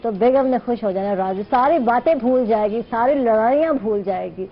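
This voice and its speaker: A woman's voice: a little high, moderate pace, dull audio, a little hiss or hum. A woman hosting a talk show, giving her opinions earnestly with rhetorical questions. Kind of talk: casual talk show conversation.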